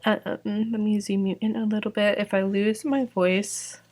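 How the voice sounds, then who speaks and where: Medium in pitch with little melodic movement, this young woman from Georgia talks a little slowly in a slightly mellow, somewhat worn voice. She owns a sticker shop and, with plenty of "like" and "um," gives a relaxed tour of the latest designs.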